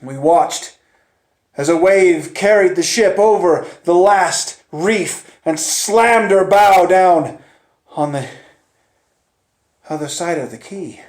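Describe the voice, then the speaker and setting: A high-voiced man dramatically tells a suspense tale live in the first person. He's deliberate and theatrical, pausing for effect and swinging between quiet near-whispers and loud, urgent moments. The recording has a roomy, echoing sound.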